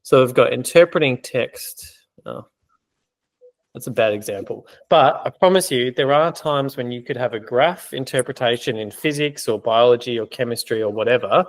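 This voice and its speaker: A man's voice: mid-range voice, normal speed. A man working as an exam prep tutor, explaining in a conversational way with many fillers during a casual teaching Q&A.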